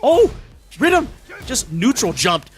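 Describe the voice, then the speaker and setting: A young man calling a fighting game match live as play-by-play commentator, excitable and rapid, breaking into shouts at big moments. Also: very high voice, crowd noise. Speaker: esports commentator.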